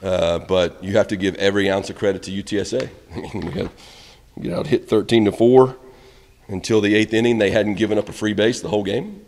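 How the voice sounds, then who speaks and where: A man's voice: fairly low pitch, fairly even intonation, fairly quick, long reverb tail. A middle-aged man, a college baseball head coach, answering questions candidly at a postgame press conference, recorded on reporters' mics in a press room. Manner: candid, rambling, trails off quietly at ends of answers. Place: press room in front of a backdrop. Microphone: reporters' phones and handheld mics held close.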